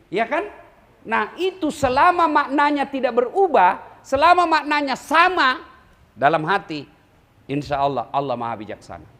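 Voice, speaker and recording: A man preaching a lively, humorous sermon to a large gathering, who jokes and mimics regional ways of speaking. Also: very high voice. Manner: animated, joking, mimics regional speech. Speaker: Islamic preacher.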